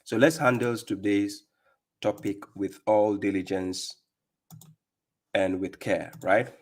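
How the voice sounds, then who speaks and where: A man's voice: on the low side, steady tone, takes it slowly. A middle-aged man from Ghana with a Ghanaian accent, hosting a live-stream religious talk, speaking emphatically and checking in with "right?" as he goes. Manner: emphatic, repeats "right?" often, greets viewers by name. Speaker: livestream host and religious speaker.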